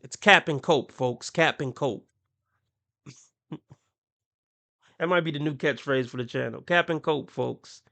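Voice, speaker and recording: A fairly high-pitched man with a gravelly, raspy edge runs a reaction commentary. His voice is bright and forceful, and he talks with a mocking tone. He laughs often and puts on voices to quote people. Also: a little slow, long pauses. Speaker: commentary channel host.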